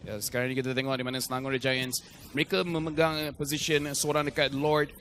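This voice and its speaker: A man's voice: medium pitch, flat delivery, a little fast, a bit bright, a little hiss or hum. A Malaysian man giving live esports commentary and analysis, using casual phrasing sprinkled with English gaming terms.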